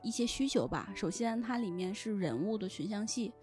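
With background music playing beneath her, a woman guest in a relaxed podcast chat about novels and their adaptations explains her ideas, frequently rephrasing them. Her medium-pitched voice is expressive and a little mellow, at a moderate pace.

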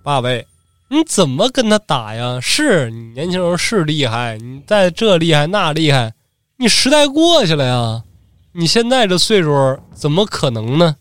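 A man's voice: a little high, big pitch swings, normal speed, a bit bright, smooth, no echo. A man voicing a young son who pleads with his old father. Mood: pleading. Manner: pleading, fretful.

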